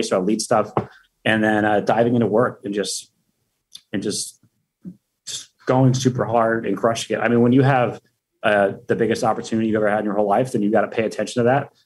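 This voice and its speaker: Husky, hyped-up man talking big. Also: on the low side. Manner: energetic, profane, hype-driven. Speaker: podcast guest. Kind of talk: casual interview talk.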